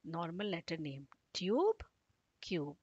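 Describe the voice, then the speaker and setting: A woman's voice: fairly low pitch, very animated, unhurried, a little mellow, breathy edge, no room sound, highs cut off. A woman teaching a phonics lesson, sounding out letters one at a time and then blending them into whole words. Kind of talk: slow step-by-step phonics lesson.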